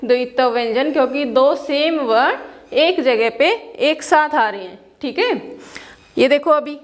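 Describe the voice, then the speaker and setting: A woman's voice: sits high, animated, measured pace. A woman teaching a school class, explaining patiently, asking questions and answering them herself, and mixing English words into her Hindi. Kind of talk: classroom lesson.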